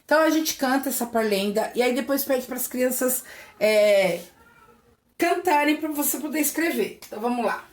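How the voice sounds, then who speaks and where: A woman's voice: high voice, animated. Woman teacher chanting rhymes, echoey room. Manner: chants rhymes slowly, syllable by syllable. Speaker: literacy teacher. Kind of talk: teaching video for families.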